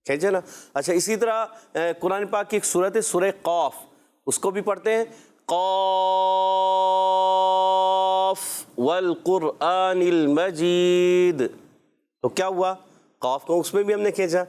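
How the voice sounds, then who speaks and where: A male Quran teacher with a high, smooth and resonant voice, leading a children's pronunciation lesson. He speaks patiently and encouragingly and stretches each letter sound out slowly for the class to repeat. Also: darkish tone.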